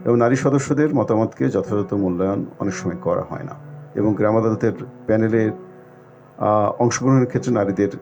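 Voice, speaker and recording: A man speaking as an expert guest in a discussion, explaining point by point in a formal, deliberate way with halting pauses. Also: fairly low pitch. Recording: muffled lo-fi audio with music behind. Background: music.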